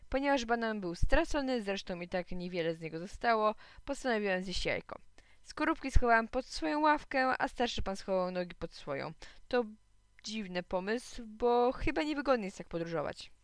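A woman narrating a children's story in a lively, playful way. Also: mid-range voice, normal speed, clean tone, no echo. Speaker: audiobook narrator.

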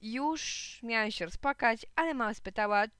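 A woman narrating a children's story in a lively, playful way. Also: a little high, moderate pace, smooth, dry recording. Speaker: audiobook narrator.

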